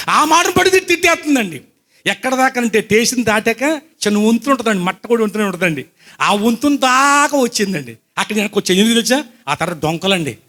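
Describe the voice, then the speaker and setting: A man preaching a sermon, telling a personal story to his congregation and often checking that they understand, swinging between loud outbursts and soft asides. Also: high voice.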